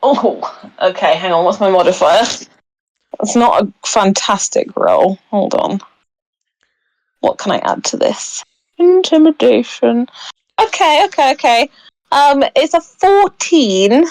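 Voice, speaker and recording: A woman's voice: fairly high pitch, expressive, slow pace, a little mellow, rough recording. A woman playing a tabletop game, chatting casually and thinking aloud.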